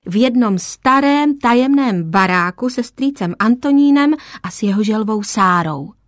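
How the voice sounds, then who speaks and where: A woman's voice: on the high side, lively intonation, dry recording, clean studio sound, natural voice. Woman voicing a coaxing playful mother. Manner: coaxing, teasing.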